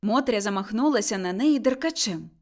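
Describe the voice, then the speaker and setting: A woman reading an audiobook with expressive storytelling narration. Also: medium pitch, brisk. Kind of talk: scripted narration.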